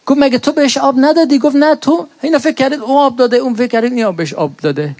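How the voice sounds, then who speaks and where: A man's voice: very high voice, darkish tone, no room sound. A middle-aged man preaching a mourning sermon, telling stories and rising into an impassioned, lamenting chant of recited verses.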